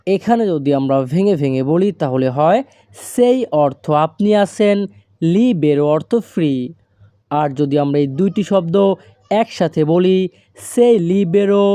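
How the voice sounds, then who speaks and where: Slow, patient Bengali-speaking language teacher. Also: mid-range voice, expressive, mellow, no echo, clean studio sound. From Bangladesh. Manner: says each Italian phrase very slowly, then breaks it down word by word.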